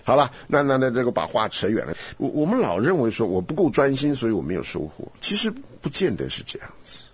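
Husky lively man on a lo-fi recording. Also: medium pitch, quick pace. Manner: animated, laughing, rambling asides. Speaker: host. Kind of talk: casual Bible study chat. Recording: dull lo-fi recording.

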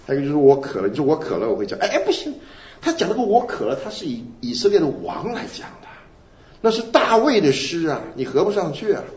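Male preacher, animated teaching sermon, roomy reverb. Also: fairly high pitch, fast talker. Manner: animated, asks the audience questions and answers them. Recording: roomy, dull lo-fi recording.

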